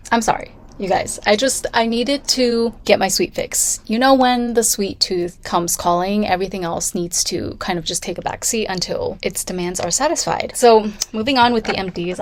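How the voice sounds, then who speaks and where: A woman with a medium-pitched voice vlogs casually from home, reviewing beauty products. She rambles candidly and drops in self-deprecating asides.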